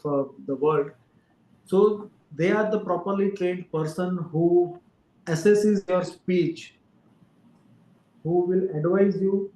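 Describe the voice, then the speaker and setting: A man's voice: on the high side, warm tone. Male doctor, echoey room. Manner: careful explainer with frequent fillers. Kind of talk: explaining to an interviewer. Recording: roomy echo.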